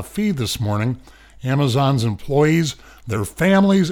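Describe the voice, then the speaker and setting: Male radio host, casual news rundown from a studio, loose and jokey, lots of fillers. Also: medium pitch. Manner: rambling, wisecracking asides.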